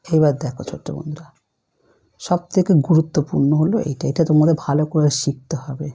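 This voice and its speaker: A woman's voice: low-pitched, mellow, slightly rough. A woman teacher patiently explaining a lesson to young pupils step by step, asking them questions as she goes. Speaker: primary school teacher. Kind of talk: online class lesson.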